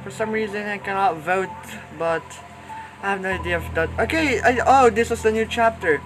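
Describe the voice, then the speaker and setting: A man's voice: sits high, moderate pace, low-quality recording. A young man giving let's-play commentary on a horror game, nervous and panicky, muttering the same worried words again and again. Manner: nervous, panicky, repeats "oh no" over and over. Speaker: gaming YouTuber. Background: game music.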